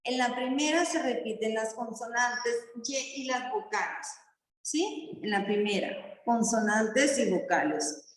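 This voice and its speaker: A woman primary school teacher explaining poetry to her class slowly and patiently, often checking that the children follow. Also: on the high side. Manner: slow, patient explaining with frequent checking questions. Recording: echoey classroom with long reverb.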